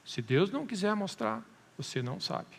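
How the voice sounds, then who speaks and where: A male pastor with a Brazilian Portuguese accent preaches in a church hall, his high-pitched, very animated voice carrying vocal fry at a moderate pace. He builds to emphatic rises and stretches key words, and the recording has a long church-hall reverb.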